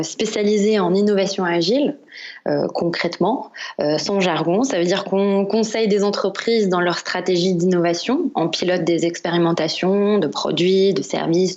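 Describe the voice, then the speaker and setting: A woman's voice: medium pitch, a little mellow, highs cut off. A woman from Algeria, a guest entrepreneur in a podcast interview, explaining her work with many hesitations.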